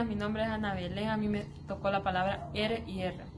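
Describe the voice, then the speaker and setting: A woman's voice: mid-range voice, level tone, fairly quick. A woman giving a class presentation, reciting syllables and example sentences one by one. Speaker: student presenter. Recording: clear background noise.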